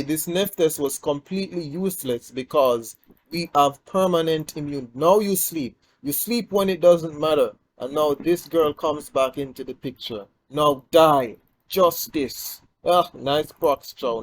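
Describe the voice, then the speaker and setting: Slow-talking man narrating his game. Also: on the high side. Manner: chatty, thinks aloud, gets excited at big plays. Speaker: game guide host. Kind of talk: casual gameplay commentary.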